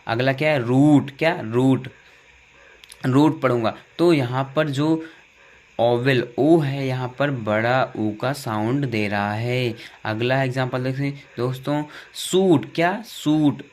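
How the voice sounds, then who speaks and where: A young man with a Hindi accent teaches English vowel sounds in a drilling, repetitive way. He asks a question and answers it himself in the same breath. His voice sits at an ordinary middle pitch for a man. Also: slow pace.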